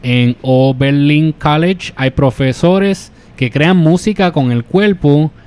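A young man co-hosting a podcast in casual chat, reading out comments in a lively way. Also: fairly high pitch, slow, smooth. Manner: lively, reads out viewer comments. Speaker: podcast co-host.

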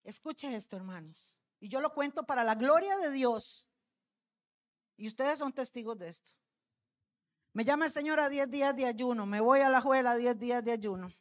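A woman's voice: fairly high pitch, moderate pace. A middle-aged woman, a pastor's wife, telling a testimony in a sermon and addressing the congregation as brothers.

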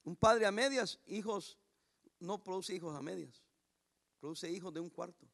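Gravelly, high-pitched preaching pastor. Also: male voice, fairly bright tone. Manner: emphatic preaching, raises his voice, reads scripture slowly. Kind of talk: sermon.

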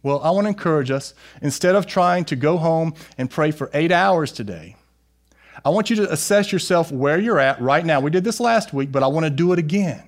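Higher-voiced man preaching a sermon. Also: expressive, brisk. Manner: earnest, exhorting, puts questions to listeners. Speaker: pastor preaching to his congregation.

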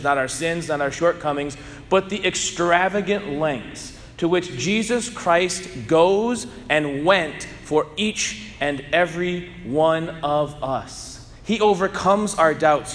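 Priest, male, fairly high bright voice, measured and emphatic delivery, long cathedral echo. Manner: slow, measured reading that turns earnest and emphatic in preaching. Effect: cathedral echo, long church reverb. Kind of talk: gospel reading and homily. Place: large church. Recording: echoey church with long reverb.

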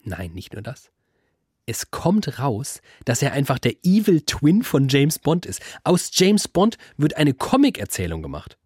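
A man's voice: medium pitch, moderate pace, slightly rough, no echo, studio quality. A man co-hosting a podcast, ranting in casual chat. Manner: ranting, animated. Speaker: podcast co-host. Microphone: studio mic.

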